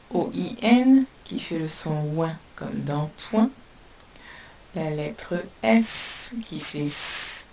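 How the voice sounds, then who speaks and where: A woman teaching a spelling lesson to young pupils, dictating words slowly and sounding out each letter. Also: lowish voice, darkish tone. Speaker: primary school teacher. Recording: distant mic with faint hiss.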